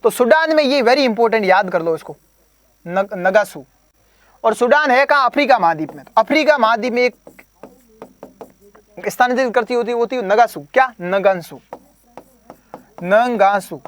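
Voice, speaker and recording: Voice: medium pitch, lively intonation, moderate pace, long pauses, a bit bright. A coaching teacher giving an exam preparation lecture, drilling terms by repetition, quizzing listeners and using playful memory tricks.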